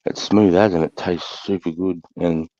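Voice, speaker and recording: A man's voice: deep voice, steady tone, normal speed, dark tone. A man chatting casually on a livestream in a blokey, slangy way with heavy swearing. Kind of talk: casual chat. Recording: muffled, roomy livestream audio.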